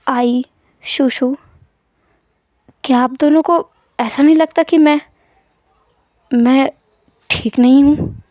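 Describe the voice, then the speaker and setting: A woman voicing a shy young man who speaks hesitantly and haltingly. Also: sits high, fairly even intonation, a little mellow, no room sound, clean studio sound. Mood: timid. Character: shy, timid young man, scarred and self-conscious.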